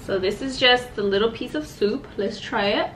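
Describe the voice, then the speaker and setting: A woman's voice: on the high side, normal speed, a bit bright, roomy sound, distant mic, faint music behind, low-quality recording. A young woman chatting casually through a cooking vlog, tasting food as she talks. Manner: chatty, eating while talking. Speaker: vlogger.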